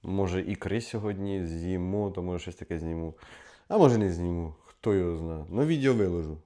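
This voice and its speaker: A man's voice: deep voice, a little fast, dark tone. A man talking casually to camera at home, rambling and thinking aloud while he counts into a clip-on microphone he is testing. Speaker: vlogger. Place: at home, later in a kitchen. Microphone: clip-on microphone under test.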